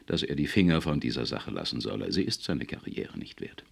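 A man's voice: rumbling low, sing-song, a little fast, vocal fry, slightly rough, voice pushed down, heavily acted. A man reading an audiobook, voicing a cheerful, stubborn older male science writer who speaks with jaunty confidence. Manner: jaunty, then indignant.

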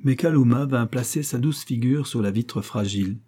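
A man narrating a classic novel as an audiobook with steady, even-paced narration. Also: medium pitch, normal speed, slightly rough. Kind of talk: classic novel read aloud.

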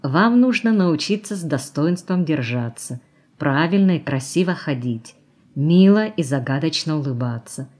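A woman's voice: sits low, expressive, moderate pace, a little mellow. A woman voicing a cynical, worldly society woman who teases and coaxes, in an audiobook. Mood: coaxing. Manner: teasing, mocking, coaxing. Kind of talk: audiobook character reading.

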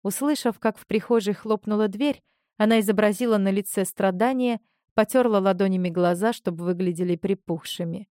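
A woman reads a story aloud in a measured, expressive voice. Her pitch sits mid-range, and the recording is dry and close with no room sound. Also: no echo. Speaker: narrator. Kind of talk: storybook narration.

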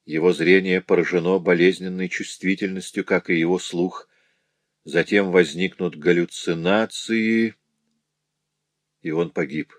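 A man reading an audiobook, voicing a grim, stern male companion who gives low, gloomy warnings. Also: dry recording, clean studio sound. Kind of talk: audiobook character voice.

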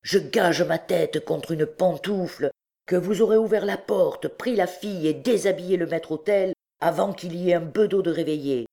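A woman voicing a brash, bossy male king of the truands, with loud commanding outbursts. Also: fairly low pitch, moderate pace, creaky, pitched above the performer's own voice.

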